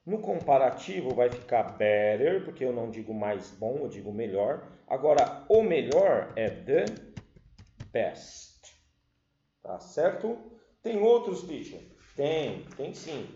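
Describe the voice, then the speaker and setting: A man's voice: medium pitch, sing-song, unhurried, dark tone. A man, teaching an English grammar lesson patiently and checking that his class follows. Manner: explains patiently, checks understanding with "certo?" and "tá certo?"; addresses the class as "galera". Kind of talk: recorded online class lesson. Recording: echoey room, dull lo-fi sound.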